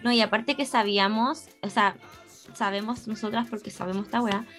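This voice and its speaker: A woman's voice: mid-range voice, fairly even intonation, fairly quick, fairly bright tone, faint music behind. A young woman with a Chilean accent, chatting casually as a podcast co-host, slangy and prone to tangents. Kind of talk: casual chat.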